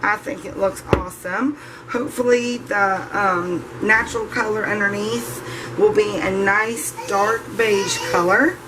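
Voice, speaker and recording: A woman's voice: mid-range voice, fairly even intonation, measured pace, background noise. A woman hosting a soap-making channel, chatting casually to viewers while she demonstrates and cuts her soap. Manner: chatty, addresses viewers as guys.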